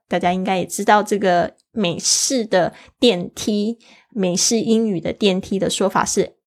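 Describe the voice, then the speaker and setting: A woman teaching English in a casual lesson, explaining patiently and spelling out words letter by letter. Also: mid-range voice.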